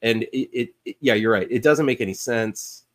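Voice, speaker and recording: A man's voice: mid-range voice, normal speed. A man co-hosting a podcast, chatting casually about comic book movies and rambling with many fillers and restarts. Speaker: podcast co-host.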